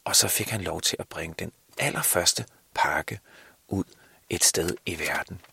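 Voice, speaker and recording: A man's voice: deep voice, expressive, gravelly, pushed and bright, slightly rough, dry recording. A man telling a Christmas story aloud, hesitant, restarting often and sometimes dropping to a whisper. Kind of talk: improvised Christmas story narration.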